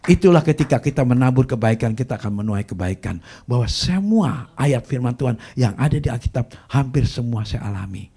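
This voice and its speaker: Male pastor, folksy exhorting sermon, warm and husky. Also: mid-range voice, lively intonation, brisk, hardly any pauses. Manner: folksy storytelling, exhorting the congregation. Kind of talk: sermon with personal testimony.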